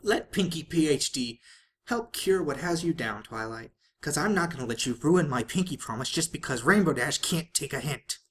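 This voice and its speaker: In a natural, mid-range voice at normal speed, a narrator plays a hyperactive, bubbly, bossy young female cartoon pony. The delivery is excitable and playful, with a determined mood.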